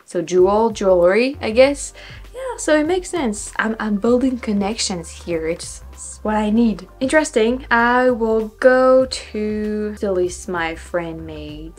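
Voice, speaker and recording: Expressive and medium-pitched, this young woman from France laughs a lot in her casual reaction vlog, thinking aloud in a French accent. She keeps repeating English words slowly to get the pronunciation right, while some music plays in the background.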